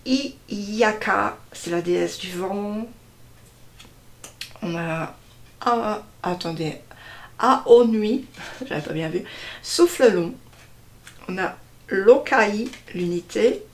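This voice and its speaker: A woman slowly presenting a deck of cards one by one, hesitating often and stressing each card name. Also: medium pitch. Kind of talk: casual card unboxing walkthrough.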